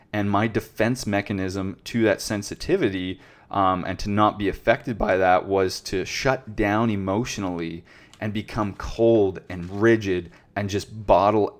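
A man hosting a self-help podcast, talking earnestly and reflectively and asking many rhetorical questions. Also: on the low side. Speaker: podcast host.

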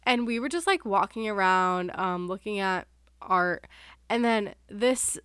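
A woman's voice: medium pitch, a little slow, a bit bright, clean tone, dry recording, clean studio sound. A woman in her twenties from the United States, co-hosting a podcast and telling a story in casual chat, full of "like" and "um". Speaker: podcast co-host.

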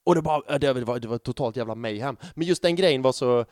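A man in his thirties chatting casually on a fan podcast, telling stories in an animated way with plenty of swearing. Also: mid-range voice, dry recording, studio quality. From Sweden. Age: 30s. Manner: animated storytelling with lots of swearing and fillers. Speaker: podcast co-host.

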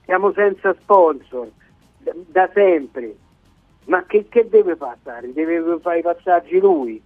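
A man's voice: fairly high pitch, animated, slow pace, no room sound. A man calling in to a radio show over the phone, venting in exasperation. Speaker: caller. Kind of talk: sports call-in rant. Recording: dry tinny phone line with faint music.

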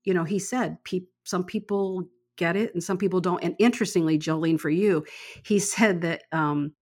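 A woman co-hosting a casual book discussion, talking enthusiastically and slowing down to stress the words that matter to her. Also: lowish voice, steady tone, a little mellow. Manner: enthusiastic, emphatic, slows down on key words. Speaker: book club co-host.

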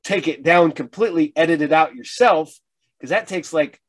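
A man hosting a casual chat, speaking in a halting, anecdotal way and often repeating words. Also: fairly high pitch. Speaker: interviewer, online show host.

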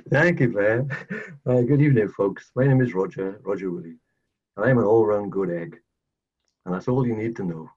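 An older South Wales man with a Welsh accent has a lowish, sing-song, slightly mellow and husky voice at a moderate pace. Appearing on a podcast, he earnestly narrates his life in a casual storytelling interview, repeating phrases for emphasis, recorded in dull lo-fi quality.

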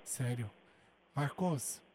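A man's voice: medium pitch, animated, drawn-out words, darkish tone, breathy edge. A male radio host making a prank call from the studio, teasing the other person and nagging him over and over. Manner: teasing, keeps repeating a nagging request.

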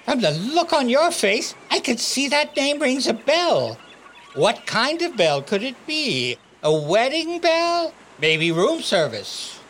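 An actor playing a gruff, salty old fisherman with a theatrical sea-dog drawl in a comedic noir audio drama. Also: very high voice, big pitch swings, slow, fairly bright tone, a little hiss or hum, exaggerated voice. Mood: teasing. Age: older.

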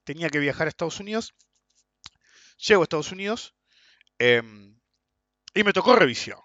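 Argentine man, blunt casual ranter with crude slang; forceful bright tone, dull lo-fi capture. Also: on the high side, animated, moderate pace, no echo. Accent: Argentine Spanish. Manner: blunt and crude, tags sentences with "ok?" and "viste?". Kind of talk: casual ranting monologue. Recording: dull, lo-fi and dry.

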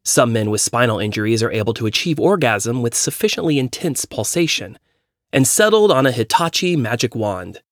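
A man narrating a personal essay in a measured, reflective reading voice. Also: mid-range voice, animated, no echo, studio quality.

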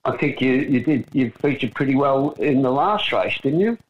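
A man's voice: medium pitch, lively intonation, moderate pace. An Australian man co-hosting a casual chat in a rambling, hesitant, matey way, recorded with dull lo-fi sound. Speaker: co-host.

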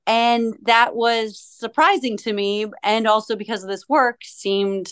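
A woman's voice: on the high side, measured pace, a bit bright, clean tone, no echo. Reflective woman in her late thirties. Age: late 30s. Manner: reflective, searching for words. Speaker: session participant asking a question. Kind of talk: personal story and question.

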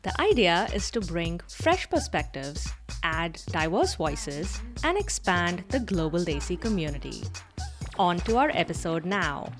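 A woman with a somewhat low voice hosts a podcast, reading introductions and putting questions in a measured, polite manner. Faint music sits behind her speech. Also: sing-song. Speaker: podcast co-host. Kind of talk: scripted intro and interview questions.

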